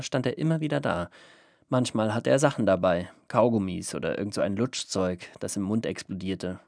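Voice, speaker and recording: A man narrating a first-person story in a calm, even storytelling manner. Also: mid-range voice, creaky, dry recording, studio quality. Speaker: audiobook narrator.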